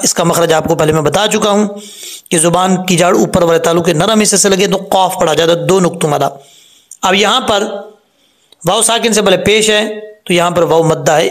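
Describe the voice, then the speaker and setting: A man teaching Quran recitation, explaining each sound patiently step by step and chanting the verses slowly. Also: high voice, fairly bright tone. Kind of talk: tajweed lesson with recitation.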